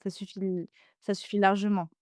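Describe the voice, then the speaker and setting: A young adult woman, a native speaker of an Arabic dialect, talks fairly quickly at medium pitch during a casual podcast conversation. She's animated but hesitant, with lots of fillers and restarts, and the recording is dry and studio quality.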